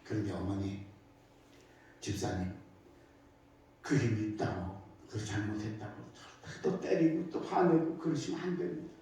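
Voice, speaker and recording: An older man, a pastor, telling a story in a sermon with animated, emphatic repetition, heard from afar in an echoey church sanctuary. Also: fairly low pitch, normal speed, recorded from a distance, slight background noise.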